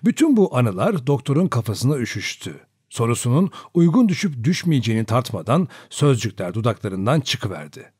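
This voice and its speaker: A man narrating a novel as an audiobook, reading in an expressive, dramatic way. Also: medium pitch, normal speed, hardly any pauses, husky, no room sound, clean studio sound.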